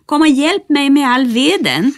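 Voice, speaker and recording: A woman's voice: a little high, no room sound, pitched above the performer's own voice. A woman voicing a curious, kind-hearted young boy in a storybook reading. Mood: eager. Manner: excited, eager.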